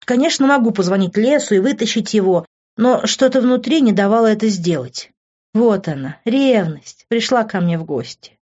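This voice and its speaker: A woman narrating a novel in the first person with expressive, emotional reading. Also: medium pitch, moderate pace. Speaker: audiobook narrator. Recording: dull lo-fi recording.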